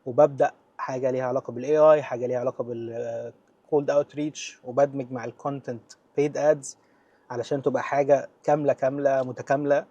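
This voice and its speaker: A man's voice: mid-range voice, level tone, quick pace, mellow, breathy edge, no echo, muffled recording. A man in his twenties with an Egyptian accent talking naturally without a script, informal and direct as if to a friend, mixing in English terms. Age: 20s. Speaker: vlogger giving business advice. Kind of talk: natural unscripted talk to camera, casual.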